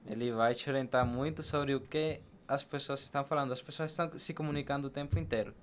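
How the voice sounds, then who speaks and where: A Venezuelan man, a barber appearing as a podcast guest, speaks Spanish casually and uses examples to explain things. His mid-range voice is steady and quick. Noticeable background noise and ambience fill the recording.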